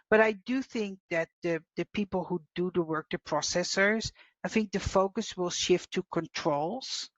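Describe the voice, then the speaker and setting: Female podcast co-host, lowish voice, dry, slightly muffled lo-fi sound, measured. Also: no room sound. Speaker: podcast co-host, payroll professional. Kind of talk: casual podcast conversation. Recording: slightly dull lo-fi audio.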